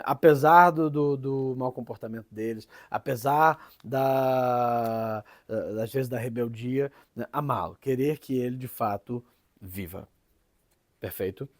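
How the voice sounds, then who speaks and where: A man's voice: mid-range voice, no room sound. Chatty Brazilian man teaching, dry sound. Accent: Brazilian Portuguese. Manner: chatty, tags many phrases with "né?" and restarts often. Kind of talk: informal teaching talk.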